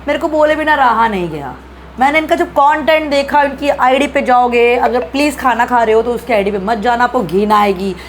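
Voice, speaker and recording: A woman's voice: fairly high pitch, moderate pace, a little hiss or hum. A woman from Bihar, India, giving a heated, indignant reaction rant full of swearing. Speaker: social media creator.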